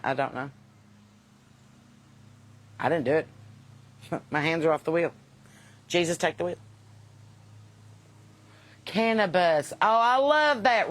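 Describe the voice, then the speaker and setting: Folksy Southern woman chatting off the cuff. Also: on the low side. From Kentucky. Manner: folksy, unpolished, wisecracking. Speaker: host and singer chatting with live viewers. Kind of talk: casual livestream chat.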